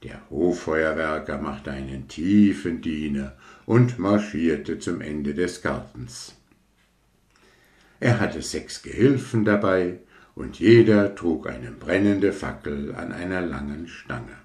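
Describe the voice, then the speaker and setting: A man reading a fairy tale aloud in a slow, measured storytelling manner. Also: rumbling low, lively intonation, darkish tone. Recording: roomy echo.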